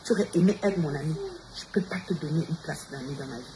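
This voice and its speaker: A woman's voice: deep voice, fast talker, dark tone. Woman, confrontational livestream rant, defiant, noisy ambience behind. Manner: defiant, addresses rivals directly with repeated challenges. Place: Montreal.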